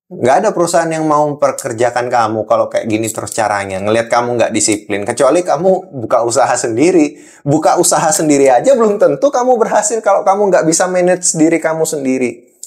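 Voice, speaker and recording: A man playing a stern, angry boss, higher-pitched. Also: expressive, fast talker, darkish tone, lightly acted. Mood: stern, scolding. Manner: angry boss, scolding, lecturing, repeats points for emphasis. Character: stern angry male boss scolding a late young employee. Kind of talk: role-played workplace scolding monologue.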